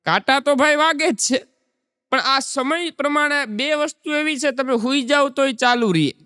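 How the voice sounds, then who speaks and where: A man's voice: very high-pitched, normal speed, sharp tone, no echo, studio quality, in a large hall. A man, doing folk stand-up comedy and telling chatty anecdotes. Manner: chatty, anecdotal, recites verse. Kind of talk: Gujarati folk stand-up storytelling.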